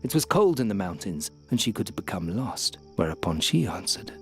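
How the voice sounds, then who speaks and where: An actor playing a grave, sentimental old male storyteller who tells a tale in a solemn, measured way. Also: sits low, big pitch swings, faint music behind. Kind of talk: game voice acting.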